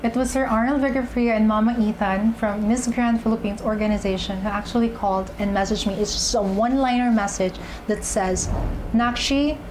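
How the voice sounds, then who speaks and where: A young woman, an actress and pageant contestant, candidly recounting her personal journey in an interview, often pausing to find her words. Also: fairly high pitch, fairly even intonation, noisy background. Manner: candid, searching for words with fillers and restarts. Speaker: interviewee, actress and beauty queen. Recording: music bed underneath.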